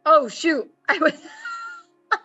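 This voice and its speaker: A woman's voice: very high-pitched, huge pitch swings, very slow, sharp tone, no room sound, highs cut off, soft background music. A woman acting coach chatting animatedly on a video call, giving advice with lots of fillers. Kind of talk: casual advice chat. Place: home, with construction noise outside.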